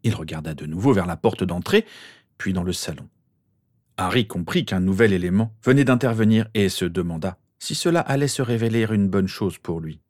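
Man reading a story, lowish voice, dry close sound, steady pace. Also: normal speed, no room sound. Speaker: reader. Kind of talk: audiobook narration of fan fiction.

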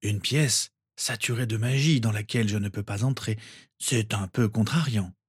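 A man voicing a kindly elderly wizard who speaks gently and a little wryly in a read-aloud story. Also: fairly low pitch, normal speed, slightly rough, no room sound, clean studio sound. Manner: gentle, wry.

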